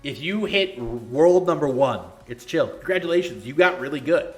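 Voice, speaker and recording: A man's voice: a little high, lively intonation, moderate pace, soft background music. A man in his thirties hosting a casual live-stream Q&A for a gaming league, answering chat questions in a blunt, joking, sarcastic way. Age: 30s.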